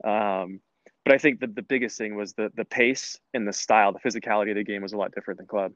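A man chats about his soccer years in a low, unhurried voice full of restarts and fillers. The sound is dry and a bit muffled, with no room around it. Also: fairly even intonation, fairly bright tone, no room sound. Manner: rambling, many restarts and filler words. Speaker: former college soccer player, guest. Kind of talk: casual interview conversation.

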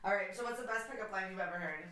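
A woman's voice: medium pitch, rapid-fire, sharp tone, slight background noise. A woman co-hosting a podcast in casual, playful, teasing chat. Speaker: podcast co-host. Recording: very echoey room, distant mic, faint music.

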